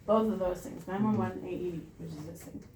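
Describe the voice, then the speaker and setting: A woman's voice: on the low side, steady tone, brisk, noisy background. A woman teaching a hands-on CPR class, patient and practical, encouraging her students. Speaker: CPR instructor. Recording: roomy classroom sound.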